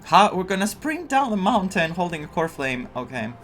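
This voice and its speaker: A gaming streamer with a high, fairly bright, very animated voice at a moderate pace gives casual reaction commentary over a story game, repeating himself with theatrical exasperation. There's slight background noise.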